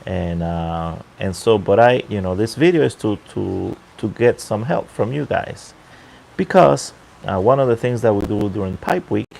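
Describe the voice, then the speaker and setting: Low, gravelly man chatting at night. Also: expressive, darkish tone, rough recording. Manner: halting, unhurried, keeping his voice down. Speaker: livestream host and pipe hobbyist. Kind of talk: casual off-the-cuff livestream chat. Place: outdoor balcony at night near a pool. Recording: faint water noise in background.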